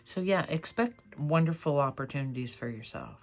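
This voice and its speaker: A tarot card reader hosts a casual pick-a-card reading, speaking to viewers encouragingly, affirmingly and conversationally. Her voice is mid-range and expressive, delivered at a moderate pace.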